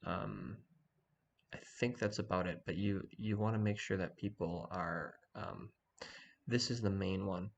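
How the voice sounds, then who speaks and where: A man talking quietly in the early morning so as not to wake anyone, giving a casual screen-share walkthrough. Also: sits low, unhurried, gravelly, a little hiss or hum. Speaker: online community organizer giving a tutorial.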